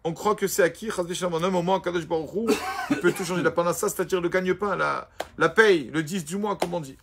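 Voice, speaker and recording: A man's voice: high voice, fast talker, background noise. A man, a rabbi, giving a Torah class and telling stories, acting out the dialogue of the people in them.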